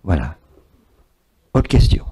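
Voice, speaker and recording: A man's voice: slow pace, warm tone. A man, giving a spiritual talk and taking questions from an audience, repeating words for emphasis. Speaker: spiritual speaker.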